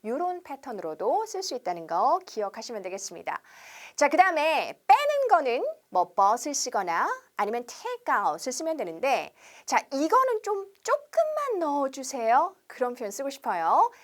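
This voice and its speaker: Lively woman teaching English. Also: a little high, moderate pace. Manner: lively, leads repeat-after-me drills. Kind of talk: TV English lesson.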